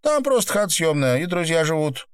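A man voicing an excitable, tipsy teenage girl at a club, talking quickly and brashly in a raised voice. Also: on the high side, clear, resonant tone, dry recording, studio quality, voice pushed up. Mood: eager.

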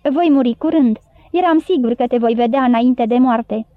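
A hoarse, dying beast-man forces out each word with effort, as a woman reads him aloud. The recording is dry and narrow, like a phone line. The voice sits high. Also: dry recording, lightly acted. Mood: weary. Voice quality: hoarse, labored.

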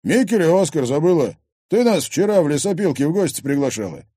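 A man's voice: on the high side, very animated, fairly quick, warm tone, dry recording, studio quality, voice pushed up. A man doing an insolent young thug. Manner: insolent, gruff, drawling. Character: insolent dark-haired young biker thug.

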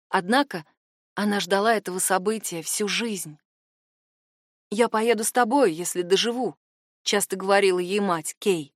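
A woman reading a novel aloud as narrator, in an even, composed way. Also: mid-range voice, dry recording, studio quality. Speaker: audiobook narrator. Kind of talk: scripted narration.

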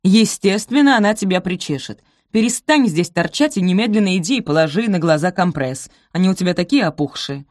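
A woman's voice: fairly low pitch, expressive, brisk, hardly any pauses, darkish tone, no echo, studio quality, natural voice. A woman reading aloud and voicing a harsh, domineering stepmother who gives orders. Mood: commanding. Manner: commanding, severe.

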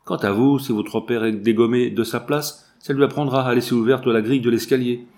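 A man's voice: mid-range voice, steady tone, fairly quick, darkish tone, natural voice. A man voicing a blunt, bossy police sergeant who gives orders and mocks. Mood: scolding. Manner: commanding, mocking.

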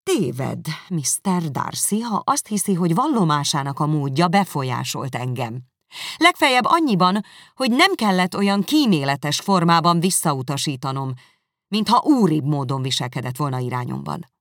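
An audiobook narrator voicing an indignant, sharp-tongued young woman who accuses emphatically and heatedly. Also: mid-range voice, sing-song, no echo, clean studio sound, voice pushed up. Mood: furious. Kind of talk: audiobook character reading.

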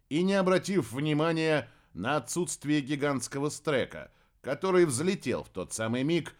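A man narrating a fantasy audiobook with dramatic, expressive delivery. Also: medium pitch. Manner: dramatic, varied intonation.

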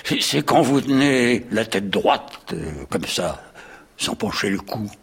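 A grumpy old wasp, husky. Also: male voice, mid-range voice, a little slow. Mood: lecturing. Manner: grumbling, stammering, peevish. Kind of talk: radio drama acting.

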